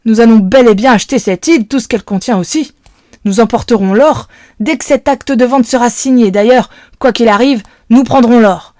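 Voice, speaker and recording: A woman's voice: a little high, moderate pace, a little mellow, dry recording, studio quality, voice pushed up, natural voice. A woman doing a menacing male kidnapper. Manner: menacing, domineering. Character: gruff threatening adult male kidnapper.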